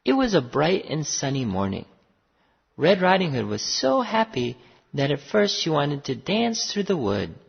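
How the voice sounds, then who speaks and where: Reading a fairy tale for English learners from a script, an expressive storyteller phrases each line deliberately. The voice is husky and creaky, with wide pitch swings, and the recording is muffled with a long reverb.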